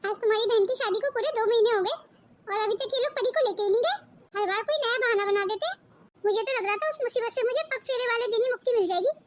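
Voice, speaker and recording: A woman's voice: extremely high pitch, racing, crowd noise. A woman doing a harsh scheming cartoon mother-in-law. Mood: scornful. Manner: taunting, bossy. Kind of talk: cartoon voice acting. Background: background music.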